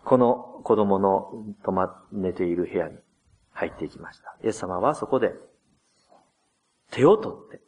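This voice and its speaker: A man preaching a sermon as pastor, gently explaining and addressing the congregation, dramatizing quoted words with changes in voice. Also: a little slow. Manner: dramatizes quoted words with shifts of pitch and loudness.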